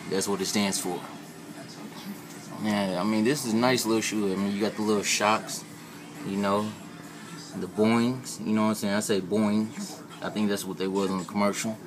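Low male voice, American accent, casual rambling vlog talk, joking and colloquial, old flip phone sound with faint noise. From Indiana, United States. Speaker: amateur sneaker reviewer. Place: room at home. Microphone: flip phone held behind the camera. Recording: noisy lo-fi flip phone recording.

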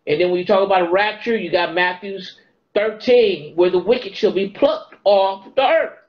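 Talking to a close-held phone camera in a small room, a middle-aged man teaches the Bible informally in a high-pitched voice at normal speed. He quotes scripture in a preaching cadence and lifts his voice on key words, with dull lo-fi phone audio.

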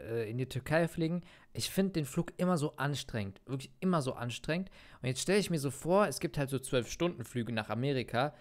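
A man streaming a reaction, talking casually to his chat with slang and opinionated asides. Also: mid-range voice.

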